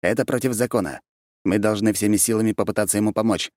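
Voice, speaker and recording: A man's voice: lowish voice, quick pace, darkish tone, no room sound, studio quality, pitched above the performer's own voice, lightly acted. A man doing a formal dutiful officer. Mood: firm. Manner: formal, firm. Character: dutiful male law officer, formal and firm.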